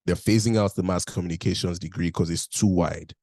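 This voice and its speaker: In a casual interview, the guest, a young Nigerian man with a blended Nigerian, British and Canadian accent, candidly narrates his story, using "like" constantly. He sounds low-pitched, steady and a little mellow, moving at a brisk pace, in clean, echo-free studio sound.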